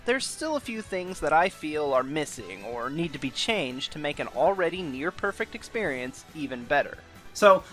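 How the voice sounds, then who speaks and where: A man with a fairly high, bright voice narrates a gaming commentary. His pitch swings widely as he talks, and he leans hard into sarcasm and frequent cursing. Soft music plays underneath him. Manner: sarcastic, swears a lot. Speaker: gaming video host.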